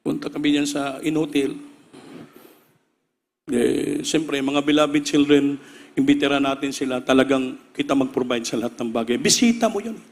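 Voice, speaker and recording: A male preacher telling a story in a sermon, acting out the voices of the people in it and rising to shouts. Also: medium pitch, normal speed, creaky, long reverb tail.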